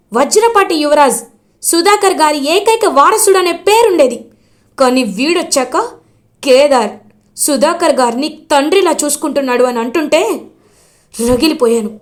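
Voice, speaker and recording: A woman voicing a jealous, resentful young man who bitterly confesses his grudge. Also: sits high.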